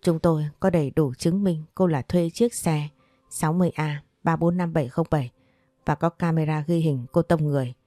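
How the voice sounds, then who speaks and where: A woman's voice: sits low, fairly even intonation, a little fast, warm tone, no echo, clean studio sound, natural voice. A woman reading the lines of a stern male police officer in an audio story, speaking coldly and formally.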